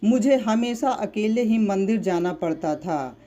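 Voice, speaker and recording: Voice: medium pitch, expressive, measured pace, mellow, lo-fi sound, close to an everyday voice. Ranu, a demanding young wife, read by a narrator. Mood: pleading. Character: young married woman, emotional and demanding.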